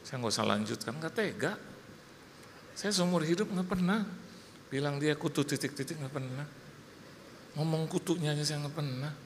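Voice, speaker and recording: A middle-aged man, a pastor, preaching a sermon in church, telling stories and acting out soft-spoken quotes of himself and his wife. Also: on the high side, moderate pace, pauses often, long reverb tail, slight background noise. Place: church service.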